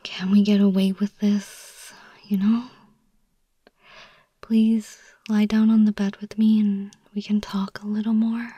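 Woman doing anxious young woman, breathy whisper, slow, close dry mic, confiding, pleading, ASMR roleplay. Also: medium pitch, level tone, mellow, no echo, highs cut off. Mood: upset.

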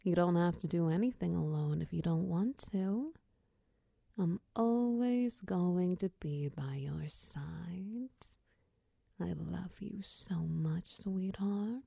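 Woman as tender protective girlfriend, ASMR role-play, right-in-your-ear closeness, very dark soft tone, very slow, soothing. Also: lowish voice, no echo, full character voice. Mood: protective, reassuring. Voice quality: soft, breathy soft voice. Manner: intimate, close-up delivery right in the listener's ear. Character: tender, protective female partner soothing a nightmare-shaken lover. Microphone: very close, dry microphone.

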